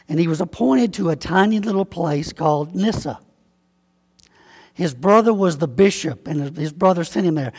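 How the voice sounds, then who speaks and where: An Alabama pastor with a Southern accent delivers a sermon in a relaxed, folksy, conversational style, slowing down to spell out key words emphatically. His voice is high for a man with a husky edge, and a long reverb suggests a large church.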